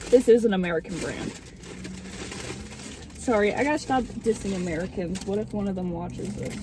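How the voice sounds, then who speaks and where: A young woman in a casual car vlog, talking candidly and a little theatrically with plenty of swearing. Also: medium pitch. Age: young adult. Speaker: vlogger. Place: inside a car. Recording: background noise inside a car.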